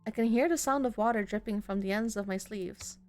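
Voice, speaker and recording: With soft music in the background, a woman speaks briskly in a mid-range voice while reading a visual novel aloud. Her narration is expressive and broken up by exclaiming, casual comments and light cursing.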